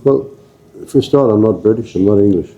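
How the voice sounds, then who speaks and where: An older Zimbabwean man who owns a shop speaks in a casual interview, his voice on the low side, brisk and mellow, captured with lo-fi sound. He muses philosophically, poses rhetorical questions, and stammers, repeating himself as he thinks.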